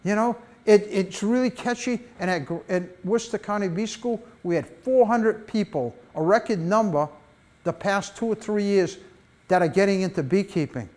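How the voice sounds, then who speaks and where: Animated older man telling bee stories. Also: sits high, moderate pace. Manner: animated storyteller, wide gestures, folksy asides. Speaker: beekeeping presenter. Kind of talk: public talk with slides. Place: library meeting room.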